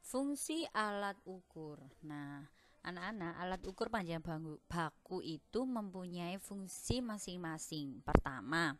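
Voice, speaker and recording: A woman's voice: lowish voice, animated, measured pace, a little hiss or hum. A young woman, a primary school teacher, patiently explaining a lesson to children in an online class.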